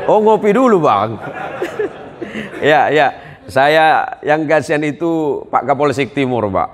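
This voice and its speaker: In a large hall at a police headquarters, a male Islamic preacher gives a humorous religious lecture, trading jokes and banter with the crowd. His voice is fairly high with lively intonation, and he talks slowly.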